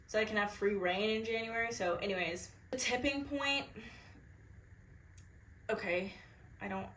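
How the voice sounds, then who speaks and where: A young woman with a drawl chats about her reading in a bubbly, filler-heavy way. Her voice is bright and clear, and the room behind it rings with echo. She talks at an even middle pitch. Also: a little hiss or hum. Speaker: book vlogger. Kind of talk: chatty reaction vlog.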